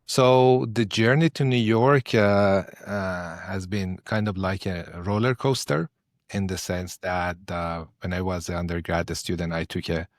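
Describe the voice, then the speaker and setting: A middle-aged man from Iran, a podcast guest, answering questions thoughtfully with many pauses and fillers. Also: low voice, steady tone, no room sound, clean studio sound. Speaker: podcast guest, investor and professor. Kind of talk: interview answers.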